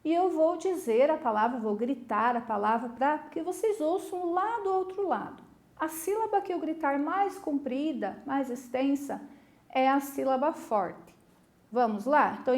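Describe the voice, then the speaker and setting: A woman's voice: sits high, reverberant. A woman teacher giving a recorded video lesson in a patient, encouraging way, often checking that students follow. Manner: patient, encouraging, asks the class many check questions.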